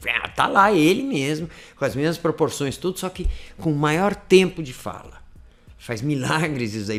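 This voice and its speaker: Man, language teacher, casual lesson, animated, gravelly. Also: a little high. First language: Portuguese. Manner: animated, chatty, laughs at himself, repeats phrases to demonstrate.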